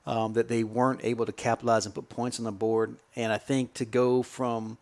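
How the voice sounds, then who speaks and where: This is a sports podcast co-host chatting casually, folksy and colloquial, full of enthusiasm as he covers sports talk and analysis. His medium-pitched voice is a little mellow, with a flat delivery and a slightly fast pace.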